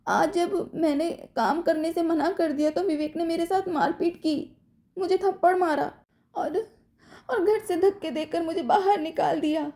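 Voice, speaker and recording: A woman's voice: high voice, expressive, moderate pace, voice pushed up. A woman voicing an angry, stubborn young wife who speaks sharply and defiantly. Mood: tearful. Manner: sharp, defiant, later tearful.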